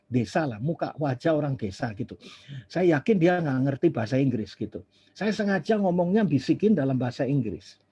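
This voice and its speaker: A husky, mellow-toned man. He tells his sermon as a lively story, acting out other people's lines and slipping into English now and then. The recording is dull and lo-fi. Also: fairly high pitch, a little fast. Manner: chatty, animated, acts out dialogue, drops English phrases. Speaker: preacher.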